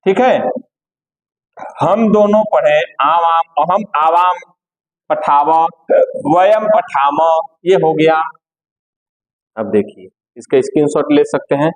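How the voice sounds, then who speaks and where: A man teaching a classroom lesson, slow and patient, repeating each step for his students. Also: a little high, animated, poor audio.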